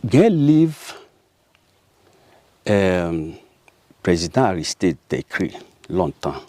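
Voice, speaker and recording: Animated Haitian man with low voice. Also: slow, no echo. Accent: Haitian Creole. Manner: animated, laughs often, mixes French and Creole. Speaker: guest. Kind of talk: casual interview.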